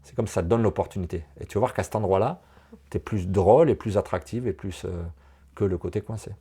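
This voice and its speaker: A man coaching a woman through a personal session, animated and encouraging, talking in quick bursts. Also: on the low side, slightly rough. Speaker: enneagram coach.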